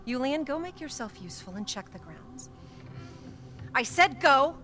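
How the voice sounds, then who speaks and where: An actress voicing a village matriarch who calmly takes charge and welcomes the strangers inside. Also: female voice, high-pitched, normal speed, soft background music, exaggerated voice. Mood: commanding. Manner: calm, authoritative. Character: commanding but kindly village matriarch.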